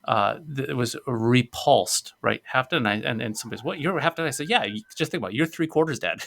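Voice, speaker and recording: A man in his forties, a pastor, telling stories in an animated way during a casual podcast discussion. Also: medium pitch, fast talker, vocal fry. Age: 40s. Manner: storytelling, animated.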